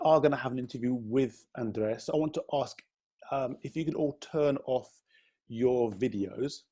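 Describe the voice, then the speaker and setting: A man hosts a live-streamed interview in a chatty, friendly way, stumbling a little over his words as he introduces his guest. His voice is dark and mellow with a husky edge. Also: medium pitch. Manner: chatty, gently hesitant, friendly questioning.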